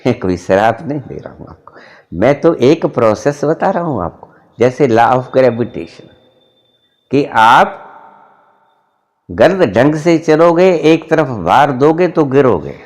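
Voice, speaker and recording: A middle-aged man giving a spiritual discourse, deliberate and emphatic, his voice rising and dropping sharply to make a point. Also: medium pitch, sing-song. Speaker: spiritual teacher.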